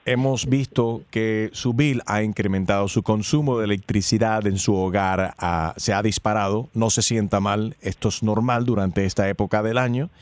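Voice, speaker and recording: A man's voice: on the low side, fairly even intonation, moderate pace, hardly any pauses, no echo, natural voice. A man playing a polite electric company agent in a prank call, with scripted patter that mixes in English words. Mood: courteous. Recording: faintly noisy phone call with clicks.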